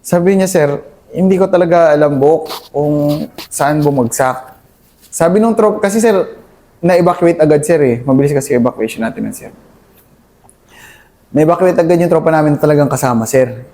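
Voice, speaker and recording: A young man, a Filipino soldier, recounts a battle in a halting interview, calling his listener sir at nearly every pause. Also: on the high side, warm tone. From Philippines. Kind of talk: conversational war story interview.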